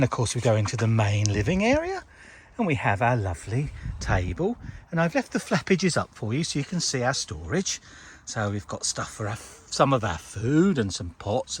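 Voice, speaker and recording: A man's voice: mid-range voice, huge pitch swings, moderate pace, slight background noise. Jokey British man giving a tent tour. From United Kingdom. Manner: jokey, chatty, laughs often. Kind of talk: casual chatty vlog. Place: inside a large tent at a campsite.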